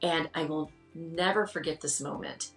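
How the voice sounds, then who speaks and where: Woman, middle-aged, guest mother, candid storytelling, lower voice, roomy echo. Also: moderate pace, faint music behind. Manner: animated, acts out quotes with rising pitch.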